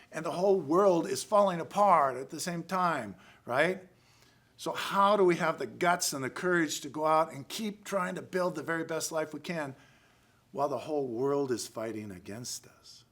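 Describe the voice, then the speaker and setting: An American man speaking as a karate instructor in a halting lecture, often pausing to check in with "right?". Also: a little high, a bit bright. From United States. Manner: halting, with pauses and frequent "right?" check-ins. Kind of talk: spoken class lecture.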